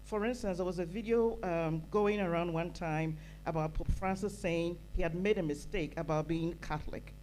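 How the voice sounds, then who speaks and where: A woman's voice: on the low side, normal speed, hardly any pauses, darkish tone, soft background music, low-quality recording. Earnest woman speaking from the floor. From Ghana. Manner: earnest, emphatic, builds with repetition. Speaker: audience member at a conference. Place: conference hall. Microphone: handheld microphone.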